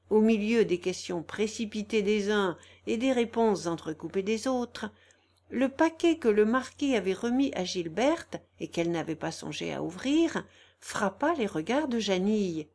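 Woman reading a classic novel aloud. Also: medium pitch. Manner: measured, even storytelling. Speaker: narrator. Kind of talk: audiobook narration of a classic novel.

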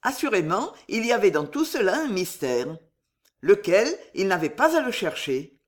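A woman reading a novel aloud in an expressive, animated way. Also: mid-range voice, moderate pace. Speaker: audiobook reader. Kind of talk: scripted narration of a novel.

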